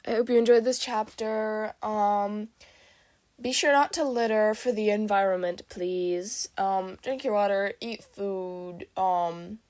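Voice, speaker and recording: Woman, casual fan-fiction reader, middle-pitched, dry close home recording. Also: fairly even intonation, slow, darkish tone, no room sound. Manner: casual, lots of "like" and "um" in chat. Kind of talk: reading a story aloud, then casual chat.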